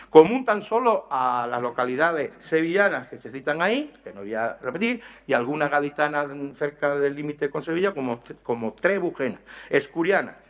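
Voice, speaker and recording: In a dull, lo-fi recording, a conference lecturer with a voice on the high side talks an audience through dialect words. His explanation is careful but marked by restarts, apologetic self-corrections and rhetorical questions.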